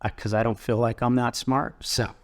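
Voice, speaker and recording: A middle-aged man from Colorado, a university president, talking through an interview in a thoughtful, halting way with many restarts. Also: medium pitch, flat delivery, no echo, studio quality. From Colorado, USA. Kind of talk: casual interview conversation.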